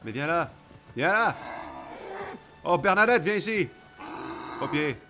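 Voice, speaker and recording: A man's voice: on the high side, very animated, slow. Hyped-up guy playing a game, voice jumps all over, cussing a lot, game music going behind him. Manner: loud, swearing, swings from mumbling to shouting. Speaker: let's play gamer. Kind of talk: excited gameplay commentary.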